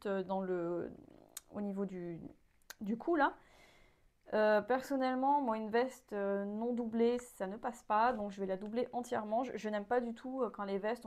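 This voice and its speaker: A woman's voice: on the high side, darkish tone. A woman hosting a sewing vlog, talking casually and candidly with frequent hesitations as she gives a critical review. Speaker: sewing channel host.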